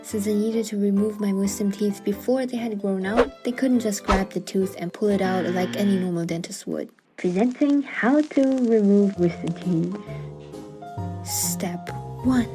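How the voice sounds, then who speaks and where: Speaking at normal speed in a medium-pitched voice, a woman voices over a scripted account of her own experiences, with music in the background. Her narration carries dramatic, wry and self-deprecating asides.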